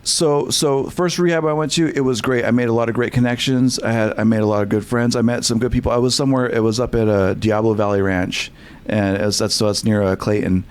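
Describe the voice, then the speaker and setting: A man's voice: mid-range voice, fairly even intonation, brisk, smooth. A young man, a podcast guest from California, telling his story candidly with many restarts and fillers.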